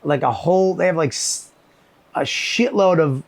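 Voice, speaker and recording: A man's voice: fairly high pitch, normal speed. A man with a Boston accent, rambling and swearing as he chats casually about cigars, often groping for words. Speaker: podcast host, comedian. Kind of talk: casual chat. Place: shed with cigars.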